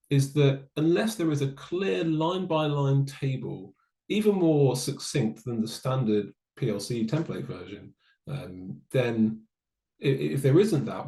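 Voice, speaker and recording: Man presenting, gravelly, echoey room. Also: mid-range voice, warm tone. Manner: measured, explanatory, dry asides. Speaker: webinar presenter. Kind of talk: online presentation on data law.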